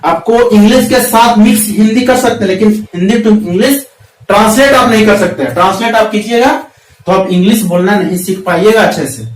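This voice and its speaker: A man with a high voice teaches a spoken English lesson, drilling short phrases over and over and slowing right down on the example sentences. He sits back from the mic in an echoey room. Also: far from the mic. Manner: repetitive drilling, slow deliberate example sentences.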